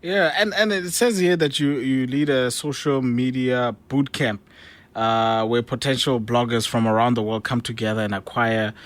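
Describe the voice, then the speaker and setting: A man's voice: mid-range voice, fairly even intonation, normal speed, dry recording. A male radio host asking interview questions, with many fillers and hesitations. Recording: dry studio sound.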